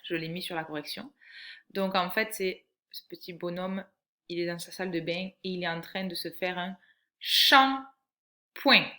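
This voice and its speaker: A woman teacher giving a patient, clearly articulated reading lesson to a young child. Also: on the low side.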